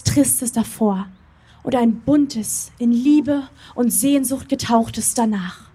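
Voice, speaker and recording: A woman reads her own story aloud, slow and dreamy, pausing often between phrases. Her voice is mellow and breathy, sitting a bit high for a woman. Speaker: reader at a public reading.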